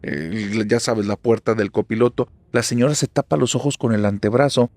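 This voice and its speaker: A man's voice: lowish voice, moderate pace, a little mellow, no room sound. A man with a Mexican accent narrating a horror story for a podcast in a dramatic, conversational way.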